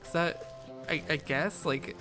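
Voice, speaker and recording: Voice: mid-range voice, a little slow. A gamer giving casual, rambling let's-play commentary, laughing often and reading game text aloud, with game music behind. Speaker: gamer, channel host.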